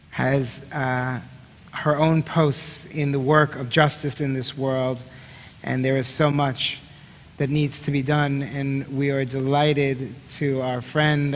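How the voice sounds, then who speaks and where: Clergy guy introducing someone at a service, slow and even, short careful phrases, big echoey room. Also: mid-range voice. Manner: measured, short deliberate phrases. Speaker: congregation clergy introducing a guest speaker. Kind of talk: formal spoken introduction at a worship service. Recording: reverberant hall with faint noise.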